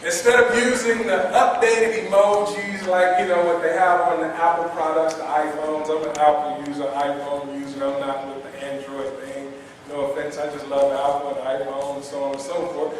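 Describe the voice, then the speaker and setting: A fairly high-pitched man preaching as a pastor, upbeat and conversational, stacking repeated words for emphasis and tossing questions to the congregation. He sounds distant from the mic, his voice ringing through a very echoey church hall with a long tail of reverb and faint noise underneath. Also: little pitch movement, moderate pace. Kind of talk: sermon.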